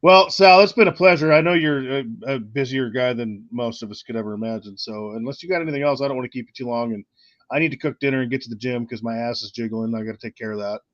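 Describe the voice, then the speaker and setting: A man's voice: mid-range voice, no echo, dull audio. Stammery man hosting a casual livestream. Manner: halting, repeats words when starting. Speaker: channel host.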